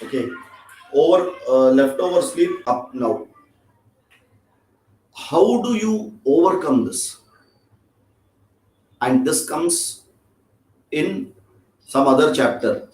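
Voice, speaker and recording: A man's voice: fairly high pitch, expressive, slow pace, pauses often, a little mellow. A man with an Indian accent teaching an informal scripture class, chatty and joking, often checking in with his listeners. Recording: roomy echo.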